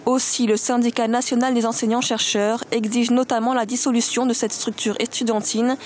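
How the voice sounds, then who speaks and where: Higher-voiced woman narrating a news report. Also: level tone, a little fast, darkish tone, slight background noise. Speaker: news correspondent. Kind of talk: scripted voice-over report.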